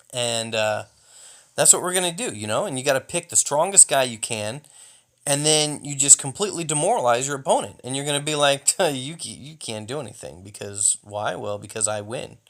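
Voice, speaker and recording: A man's voice: medium pitch, fairly bright tone. A young man giving jokey, hyped-up commentary while showing replays of a mobile strategy game, often mock-taunting an imagined opponent. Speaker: gaming YouTuber.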